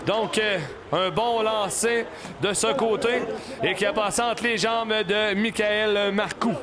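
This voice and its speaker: A man with a Quebec French accent giving excited live hockey play-by-play commentary. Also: high voice, takes it slowly, a crowd in the background. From Quebec, Canada. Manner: excited sports commentary, shouting on goals and big saves. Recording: very noisy live outdoor-sounding event recording.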